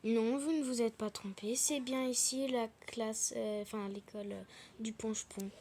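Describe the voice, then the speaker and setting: A woman's voice: on the high side, steady tone, moderate pace. A girl playing a welcoming school counselor. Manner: louder, welcoming, formal. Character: kind woman school counselor teacher.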